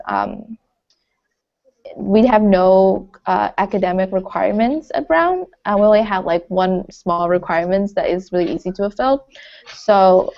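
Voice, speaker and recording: A college-age woman from Florida talks on a student panel over a video call. Her speech is casual and halting, full of fillers and restarts. The audio is dull and lo-fi. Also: medium pitch.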